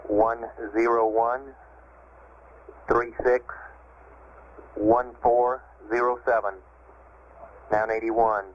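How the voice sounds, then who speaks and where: A man's voice: mid-range voice, flat delivery, extremely slow, pauses often. A man at mission control talking over a two-way radio, reading out figures in a level, procedural way. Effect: two-way radio transmission. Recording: dull archival radio audio with hiss.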